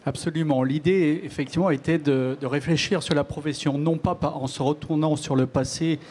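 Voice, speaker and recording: Man, panel guest, mellow tone, slightly high pitch, halting restarts. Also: steady tone, slightly rough. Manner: hesitant, with frequent restarts and repeated words. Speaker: association president, panel guest. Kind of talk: panel discussion answer.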